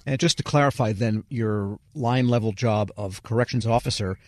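A man hosting a broadcast interview, asking measured, clarifying questions. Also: on the low side, a little mellow, no echo, studio quality. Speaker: radio host, interviewer.

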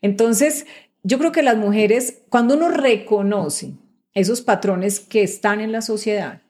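A woman's voice: mid-range voice, unhurried, dark tone. A middle-aged woman, a guest executive explaining her views in a conversational interview and often checking in with the listener.

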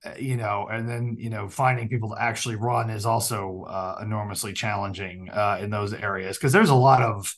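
A man with an Ozark accent talking casually as an interviewer, in a halting, self-interrupting way. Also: on the low side, steady tone, a bit bright. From Southwest Missouri Ozarks, USA.

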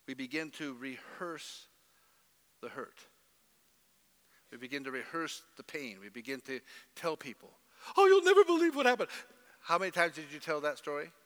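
A man's voice: medium pitch, bright, forceful tone, big-room sound. A middle-aged man preaching a sermon in a church, emphatic, with mimicked voices. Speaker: pastor.

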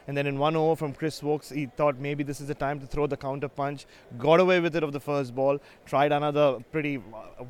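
A man giving chatty, conversational analysis of a cricket match as a pundit, musing at length. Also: mid-range voice.

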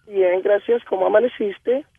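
A caller, a man, voicing a raspy, hoarse woman in her fifties who smokes, sounding drowsy and complaining. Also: sits high, fairly even intonation, moderate pace, heavily acted. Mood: grumbling. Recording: dull phone line.

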